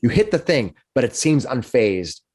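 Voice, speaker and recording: A man of medium pitch works as game master at a tabletop game. He talks casually, explaining rules and scenes and often doubling back on his own phrases. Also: sing-song, moderate pace, darkish tone.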